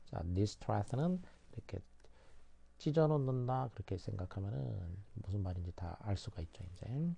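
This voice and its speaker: A man's voice: on the low side, animated, normal speed, creaky, warm tone, breathy edge. A man teaching English vocabulary through word roots, explaining at length and repeating key words with many fillers.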